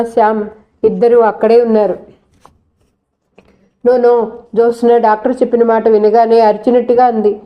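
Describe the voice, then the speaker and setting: A woman reading a novel aloud in a steady, measured storytelling style. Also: on the high side, lo-fi sound. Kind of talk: audiobook narration.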